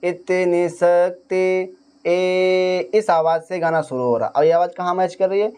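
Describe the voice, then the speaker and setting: A man's voice: on the high side, lively intonation, quick pace. A man teaching harmonium in a casual spoken lesson, explaining step by step and singing short phrases to show each note. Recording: faint harmonium music behind. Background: harmonium playing.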